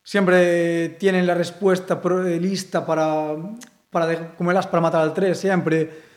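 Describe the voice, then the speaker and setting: This young Galician sculptor, from Galicia, Spain, has a high voice and a Galician Spanish accent, speaking a little slowly with noticeable reverb. He gives a casual interview, easygoing and rambling with many fillers.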